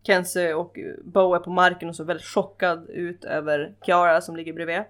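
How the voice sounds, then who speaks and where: A woman in casual chat, telling a story in a lively, informal way. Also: on the low side.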